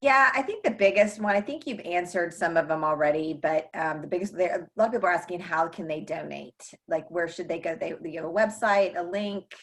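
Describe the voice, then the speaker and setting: Woman moderator, casual, slightly hesitant, lowish voice. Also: a little fast, few pauses. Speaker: meeting moderator. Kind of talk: relaying audience questions.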